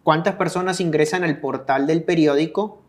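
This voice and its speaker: A man's voice: on the high side, moderate pace. A man in his thirties from Argentina, explaining things casually as a guest expert and checking in with listeners. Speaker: guest, digital marketing expert.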